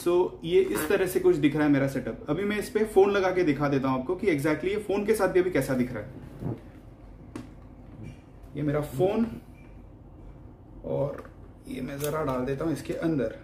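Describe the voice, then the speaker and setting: A man's voice: fairly high pitch, moderate pace, pauses often, a little mellow. A man casually explaining, step by step, how he fits a phone mount to his helmet, slipping English phrases into his talk as he works with his hands. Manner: chatty, mixes English into Hindi, talks while fitting gear. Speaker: motovlogger. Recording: echoey room, faint noise.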